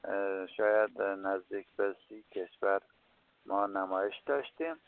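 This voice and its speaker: A man's voice: sits low, clear, resonant tone, dry recording, narrow, tinny audio. A man answering questions as a filmmaker in a radio interview, hesitant and full of filler sounds. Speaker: filmmaker guest.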